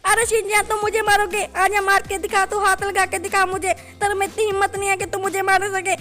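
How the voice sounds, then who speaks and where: A little cartoon boy turned bully, as a man plays him taunts and threatens in a very high, shrill voice. His pitch barely moves, and music plays clearly behind him. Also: little pitch movement, a little fast, sharp tone. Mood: taunting. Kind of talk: cartoon voice over gameplay.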